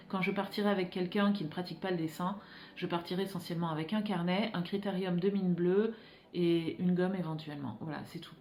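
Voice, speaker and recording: A woman's voice: lowish voice, reverberant. A French woman, an illustrator, chatting casually to her viewers in a rambling way, with frequent hesitations and restarts. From France. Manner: rambling, many filler pauses and restarts. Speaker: illustrator vlogger. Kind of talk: casual vlog chat to viewers.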